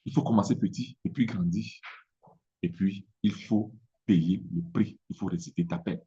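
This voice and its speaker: A Togolese business coach whose native tongue is Mina gives a halting motivational talk in French with an Italian-tinged accent, often repeating words while searching for them. His voice is low and warm with fairly even intonation, and the recording has its highs cut off.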